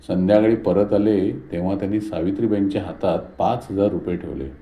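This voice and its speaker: Male narrator, low and mellow, calm storybook reading, roomy recording. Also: brisk. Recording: roomy echo.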